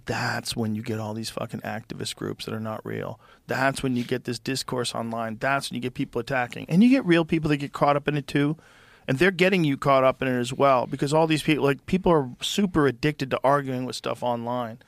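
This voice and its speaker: A man's voice: medium pitch, fairly quick, creaky, no room sound. A man in casual podcast chat, blunt and profane, talking in strong opinions. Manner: blunt, profane, opinionated, mimics voices for effect.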